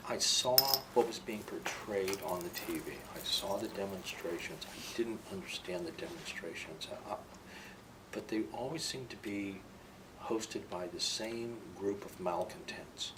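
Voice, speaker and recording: A man's voice: deep voice, measured pace. An older man, a military veteran, remembering his past in an interview in an opinionated, emphatic way. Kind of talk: reminiscing in an interview. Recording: distant microphone, clearly noisy room.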